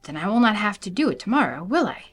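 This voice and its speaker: A woman's voice: mid-range voice, sing-song, quick pace, breathy edge. Lady reading as a grumpy lazy toad guy from a kids book, whiny complaints, bit of music under it. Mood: bargaining. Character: Toad, grumpy mopey procrastinating male storybook toad.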